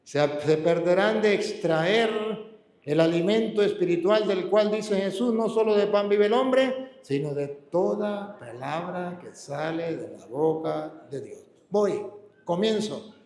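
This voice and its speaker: A man preaching as a priest, emphatic and then slowing to a calm hush on key words. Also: high-pitched, roomy sound. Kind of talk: sermon teaching scripture reading.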